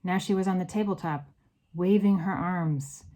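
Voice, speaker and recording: Woman reading a kids book out loud, lots of expression, lowish voice. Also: moderate pace, poor audio. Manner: expressive, varied storytelling. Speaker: read-aloud narrator. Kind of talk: reading a children's novel aloud.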